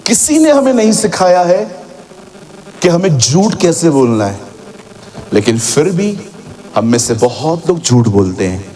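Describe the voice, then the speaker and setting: A man preaching a sermon as a pastor in a church, animated and sometimes shouting, mixing English phrases into his talk. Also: a little high, unhurried, pauses often, a little hiss or hum. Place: church hall with congregation.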